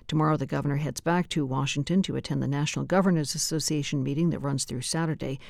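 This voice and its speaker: A woman's voice: deep voice, fairly even intonation, fast talker, creaky, a little mellow, dry recording, clean studio sound. A woman reading a scripted local radio news and weather bulletin.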